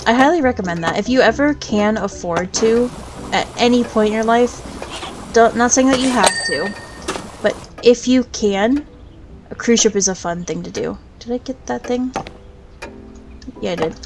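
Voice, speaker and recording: A woman's voice: fairly high pitch, moderate pace, long pauses, background noise. A woman streaming a video game, chatting casually and rambling from one topic to the next as she plays. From United States. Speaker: VTuber gaming streamer. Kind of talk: casual chat over gameplay. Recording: game music clearly underneath. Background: video game music.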